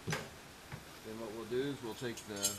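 This middle-aged man's voice sits on the low side, and he speaks slowly in an even tone. Working with his hands on an engine rebuild, he offers casual, practical instructions in brief pieces inside a big metal-walled garage. The recording comes from a camera mic a step or two off and is noisy, with tools clicking.

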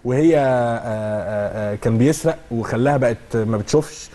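A man's voice: mid-range voice, fairly quick, warm tone. An Egyptian man in his thirties co-hosting a morning TV show, chatty and joking about himself. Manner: joking, chatty, self-mocking. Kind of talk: casual studio chat with callers. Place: bright TV studio set. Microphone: lapel mic.

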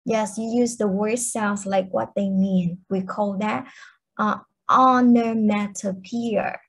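A woman's voice: mid-range voice, steady tone, unhurried, creaky, mellow, slightly rough, poor audio. A young woman with a Vietnamese accent teaching a literature class online, explaining patiently and checking in with her students. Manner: explains patiently, asks the class questions, fillers like okay.

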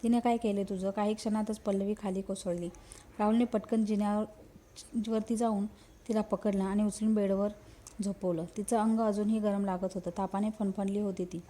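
A woman narrating a horror romance story in a steady storytelling manner. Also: mid-range voice, moderate pace.

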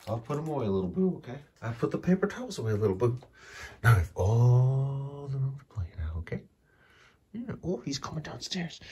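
A man filming his cat at home and talking to it in soft, doting baby talk, often dropping to a whisper, recorded on a handheld phone in a carpeted basement. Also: mid-range voice, slight background noise. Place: carpeted house basement, indoors. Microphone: handheld phone camera.

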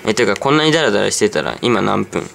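Laid-back low-voiced man rambling over gameplay. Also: sing-song, fast talker, background noise. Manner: rambling, easygoing, talks to himself while playing. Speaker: game commentator. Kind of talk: casual game commentary. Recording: clear background music under voice. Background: background music.

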